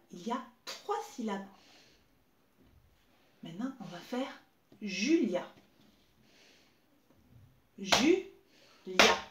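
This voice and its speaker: Slow, lively woman teacher, echoey room. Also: a little high. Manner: slow, clear, exaggerated syllable clapping. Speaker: preschool teacher. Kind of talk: remote lesson for young children. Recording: echoey room with faint noise.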